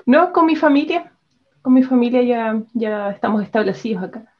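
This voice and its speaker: Giggly young Chilean woman with vocal fry. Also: on the high side, animated, normal speed, dull audio. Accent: southern Chilean. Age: young adult. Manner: friendly, giggly, hesitant. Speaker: student guest. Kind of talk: casual interview answers.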